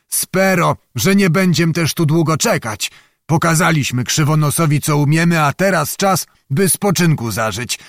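A man's voice: fairly high pitch, dry recording, clean studio sound, pitched above the performer's own voice. A man voicing Zagłoba, a blustering old nobleman. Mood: alarmed. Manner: bragging, grumbling, theatrical. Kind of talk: audiobook character reading.

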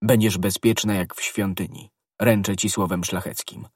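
A dashing, impulsive young guardsman speaking with ardour in an audiobook tale, as a man reads him. The voice is low and husky, set in a dry, close sound. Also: fairly even intonation, moderate pace, no echo. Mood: ardent. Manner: ardent, impulsive. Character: bold, hot-headed young male guardsman.

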